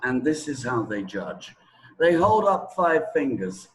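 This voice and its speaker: A man interviewed as a language teacher explains things in a conversational, didactic way, often checking in with "right?", "okay?" or "yeah?" to make sure the listener follows. His medium-pitched voice is sing-song and slow, and the recording quality is low.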